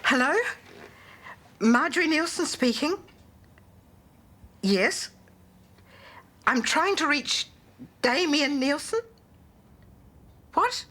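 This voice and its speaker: A woman's voice: sits high, expressive, sharp tone, heavily acted. An actress in a television soap playing a middle-aged mother who is overwhelmed and strained. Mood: anxious. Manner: strained, slow and emotional. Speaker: mother reaching her son abroad.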